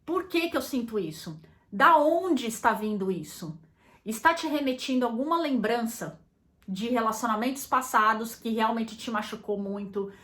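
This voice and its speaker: Mulher falando com calma, voz um pouco aguda. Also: female voice, on the high side, moderate pace. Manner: thoughtful, many restarts and fillers, addresses listeners directly. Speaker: relationship advice speaker. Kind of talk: casual advice talk.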